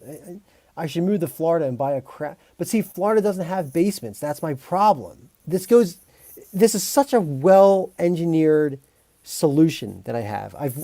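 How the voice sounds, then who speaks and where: A man's voice: a little high, dark tone, no echo. A man streaming as a composer, chatting casually with viewers in a rambling, joking way, with restarts, fillers and mild swearing. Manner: rambling, talks to chat, frequent restarts and fillers. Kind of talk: casual live-stream chat.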